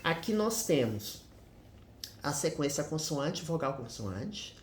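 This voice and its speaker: Guy teaching english grammar, real slow and methodical, echoey room. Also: on the high side, big pitch swings, slight background noise. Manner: methodical, with frequent tag questions. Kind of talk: grammar lesson explanation. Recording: roomy echo.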